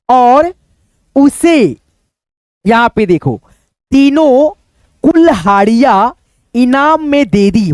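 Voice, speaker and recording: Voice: medium pitch, darkish tone, smooth, no echo, studio quality. A reading teacher, giving a chatty read-aloud lesson and drawing out syllables.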